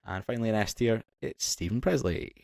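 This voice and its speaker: Deep-voiced man hosting. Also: animated, brisk, gravelly, darkish tone, dry recording, clean studio sound. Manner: bantering, leads the segments. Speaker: podcast host. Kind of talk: casual podcast chat.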